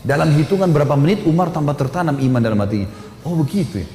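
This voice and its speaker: A man with a voice pitched a bit high tells a story as a preacher, acting out the people in it. He talks casually and keeps dropping in filler tags. The sound is roomy, with a long hall echo and faint ambient noise behind him. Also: rapid-fire. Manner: animated storyteller who voices the figures in his story; casual, sprinkles his talk with filler tags. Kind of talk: storytelling sermon.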